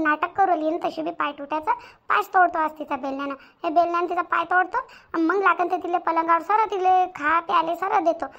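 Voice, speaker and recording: A woman voicing a fed-up young daughter-in-law in a cartoon who threatens her aunt-in-law with a rolling pin, with a loud, fiery, defiant delivery. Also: very high voice, highs cut off. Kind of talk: cartoon voice acting.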